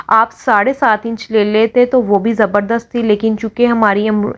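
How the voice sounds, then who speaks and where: Woman calmly explaining sewing steps. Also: mid-range voice. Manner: patient and methodical, explains each step in detail. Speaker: sewing instructor. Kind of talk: step-by-step tutorial voice-over.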